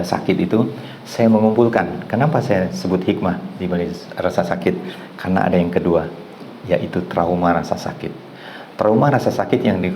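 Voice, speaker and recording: Deep-voiced man telling a class story. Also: a little mellow, a little hiss or hum, low-quality recording. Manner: anecdotal, acts out quoted voices with laughs. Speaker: massage therapy instructor.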